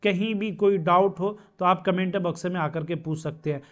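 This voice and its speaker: A man's voice: high voice, steady tone, normal speed. A man teaching a grammar lesson, who asks questions and answers them himself and repeats each term. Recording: dull lo-fi sound.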